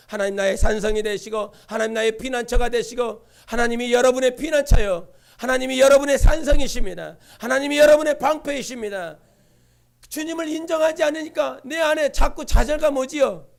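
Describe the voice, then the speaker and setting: A male pastor preaches a fervent Sunday sermon in a church, asking his congregation rhetorical questions and answering them himself. His voice sits very high for a man and carries a gravelly, rough-edged texture. He builds the message through repeated refrains. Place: church sanctuary.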